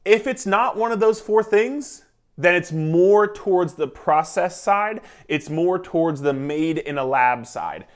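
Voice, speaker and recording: A man in his thirties, a nutrition coach, giving an energetic, emphatic talk to the camera from his living room on a lapel mic. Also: sits high, measured pace. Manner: energetic, emphatic, gestures a lot while talking. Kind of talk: casual instructional talk to camera. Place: living room indoors, beside a whiteboard.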